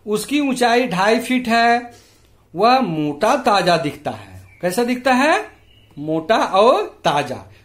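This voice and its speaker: A male teacher explaining a storybook lesson to children, patiently quizzing the class and checking they follow. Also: high-pitched. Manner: patient, asks the class questions, tags "है ना" often.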